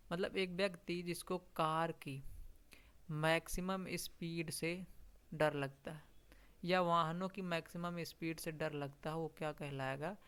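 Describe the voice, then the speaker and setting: In this exam-prep vocabulary class, the teacher speaks at a medium pitch with a slightly bright, clear and resonant tone. The explanations are patient, comprehension checks come often, and English definitions are read very slowly.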